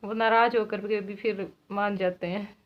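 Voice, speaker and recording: A woman's voice: mid-range voice, fairly even intonation, unhurried. A woman vlogging from her village home, chatting casually with her viewers and laughing often. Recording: dull lo-fi sound.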